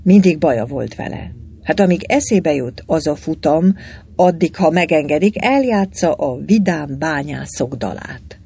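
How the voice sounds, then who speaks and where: A man narrating an audiobook with a wry, expressive storytelling manner. His voice is husky and gravelly, and his pitch rises and falls in a lively way. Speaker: audiobook reader.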